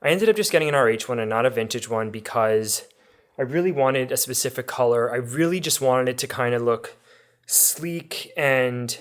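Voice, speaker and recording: A man's voice: mid-range voice, normal speed. A man gushing with emphatic enthusiasm as he chats casually through a home makeover reveal for a vlog.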